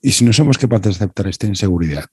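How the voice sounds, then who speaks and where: A man's voice: on the low side, animated, very fast, darkish tone, breathy edge, dry recording, studio quality. A man, hosting a casual conversation and dropping wry joking asides. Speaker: podcast host.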